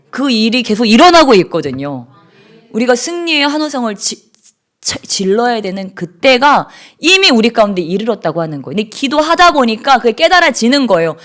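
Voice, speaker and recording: Woman pastor in church, sermon voice, wide swings from hushed to loud praise. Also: mid-range voice.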